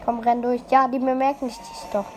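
A woman's voice: fairly high pitch, flat delivery, brisk, noisy background. A young woman casually commentating her own gameplay, teasing her teammate and barking orders at her. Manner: teasing, bossy, calls out orders. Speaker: gaming video host.

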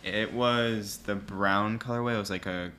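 A man's voice: on the low side, steady tone, moderate pace, pushed and bright, slight background noise. A young man hosting a podcast, chatting in an easygoing way. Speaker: podcast host. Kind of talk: casual chat.

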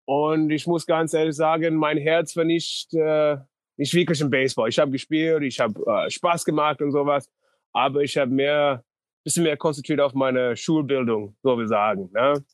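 An American man in his thirties, a native English speaker, talks his way through German in a dry, close recording. His voice sits a little high for a man. He stumbles and hunts for words, restarting his sentences. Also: steady tone, no room sound. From North Dakota, USA. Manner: halting non-native German, searching for words. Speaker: guest, pitching coach. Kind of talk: casual interview chat.

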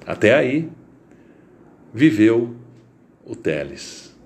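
A man reading a literary short story aloud as narrator, in a slow, deliberate and expressive way. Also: medium pitch.

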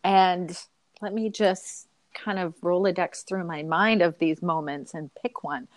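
A woman's voice: lowish voice, steady tone, unhurried, no echo. A woman in her forties, a mother telling a chaotic family story as an interview guest, laughing often and acting out her own quotes.

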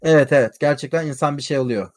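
A man in casual chat, telling an animated story and swearing freely. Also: a little high, fast.

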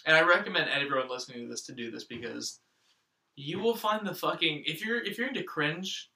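A man's voice: on the high side, brisk, gravelly, bright, forceful tone, roomy sound, far from the mic. A man hosting a casual comedic podcast chat, crude and swearing freely. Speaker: podcast host.

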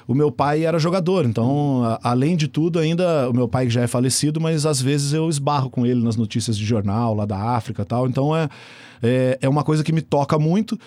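This researcher guest, a man in his 40s, speaks at a medium pitch with a slightly mellow quality, captured in a dry recording. His interview answers come out thoughtful and halting, full of restarts.

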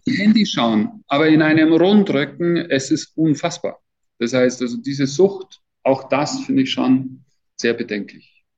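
Unhurried and a little mellow, a mid-range male voice belongs to a fiftysomething athletic trainer being interviewed. He talks in a casual, colloquial, emphatic style over dull, lo-fi audio.

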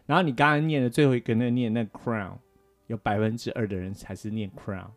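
Faint music plays behind this Taiwanese co-host as he chats on a casual radio show, loading his explanations with fillers. His mid-range voice is steady and a little fast.

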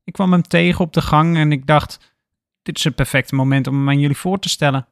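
A man's voice: a little high, fairly even intonation, a little fast, no echo, clean studio sound, close to an everyday voice. A man voicing a friendly but firm young female student who talks earnestly and can turn strict. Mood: eager. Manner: earnest, coaxing, turns strict.

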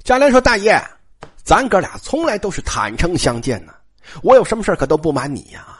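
A storyteller voicing a brash, scheming young nobleman who talks bluntly and fast. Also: mid-range voice, sing-song, slightly rough. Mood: confronting.

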